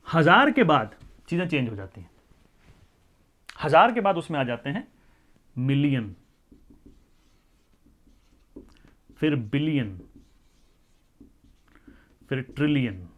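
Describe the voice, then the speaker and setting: A man's voice: on the high side, big pitch swings, moderate pace, long pauses, fairly bright tone. A male maths teacher giving a lecture, who explains step by step, mixes in English number words and keeps asking the class whether they follow. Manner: explains step by step, often asks the class questions.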